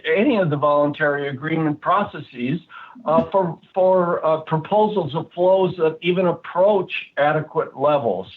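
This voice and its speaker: Phone-in man with a slightly high voice, reading a hesitant, earnest public comment over a thin telephone line. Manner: earnest, hesitant, frequent "uh" fillers and restarts. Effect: speaking over a phone line. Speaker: public commenter at a board meeting.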